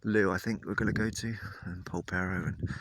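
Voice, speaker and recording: A man's voice: low voice, steady tone, fairly quick. A man in his late thirties chatting casually and hesitantly as he vlogs on a walk outdoors, thinking aloud as he goes. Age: late 30s. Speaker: vlogger. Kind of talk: casual walking vlog, rambling commentary. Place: outdoors on a countryside track. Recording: outdoor recording with loud wind noise on mic. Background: wind noise.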